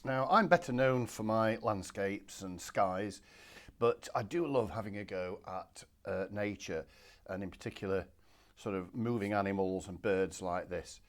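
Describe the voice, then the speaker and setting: A man, giving a relaxed, chatty step-by-step painting demonstration from his studio. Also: lowish voice, unhurried. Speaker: watercolour art instructor. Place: home art studio.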